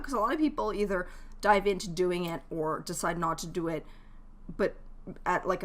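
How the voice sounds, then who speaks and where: A woman game streamer chats casually with her live viewers, offering advice in a rambling, joking way and frequently dropping thoughts midway. Her mid-range voice is a bit bright, and she laughs easily.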